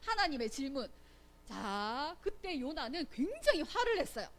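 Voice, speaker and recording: A woman with a bright, high voice leads a children's Bible class in a church. Her pitch leaps up and down as she quizzes the kids and acts out the story, keeping it animated and playful. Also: normal speed. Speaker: Sunday school teacher.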